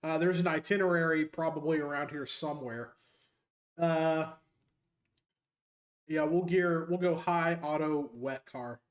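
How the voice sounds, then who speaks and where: A man streaming a racing game and joking his way through casual, rambling commentary as a high school teacher. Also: a little slow, pauses often, echoey room. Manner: jokey, rambling, self-mocking.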